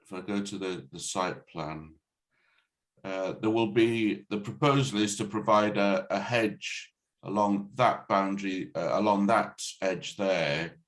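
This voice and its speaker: Man, low-pitched voice, planning officer, formal meeting report, hesitant, many false starts, video call. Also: unhurried. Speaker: planning officer presenting to committee.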